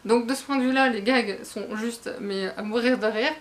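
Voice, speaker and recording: A woman's voice: a little high, moderate pace. A woman giving a casual, rambling spoken review of manga. She hesitates a lot, corrects herself and talks straight to her viewers with frank asides. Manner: chatty, addresses viewers directly. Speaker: manga reviewer, book blogger.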